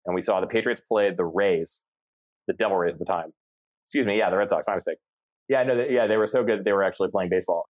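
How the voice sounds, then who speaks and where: A man's voice: sits low, quick pace. A man around thirty from central Massachusetts, a podcast guest telling stories in a rambling, casual way with many restarts. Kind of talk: casual conversational storytelling.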